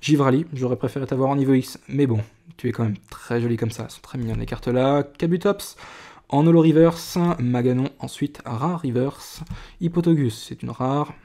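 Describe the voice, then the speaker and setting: A young man talks casually to his viewers while he opens cards. His voice is mellow and sits at a middle pitch. He chats loosely, with many fillers and restarts. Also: moderate pace. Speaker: card collector vlogger. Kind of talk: casual card-opening video.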